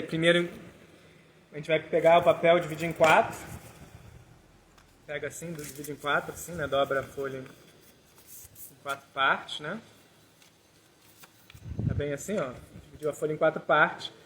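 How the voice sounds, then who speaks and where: A man's voice: a little high, bright, forceful tone, a little hiss or hum. A man, a tarot teacher guiding a hands-on exercise step by step and checking in with listeners. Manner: talks through steps, tags lines with "né?". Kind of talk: explanatory class with a hands-on exercise.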